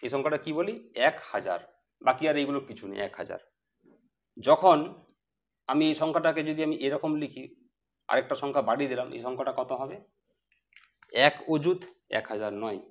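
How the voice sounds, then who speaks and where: A man's voice: mid-range voice, lively intonation, a little fast, pauses often, dull audio. A man teaching basic math who keeps asking the class questions and answering them himself. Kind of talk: explaining math to students.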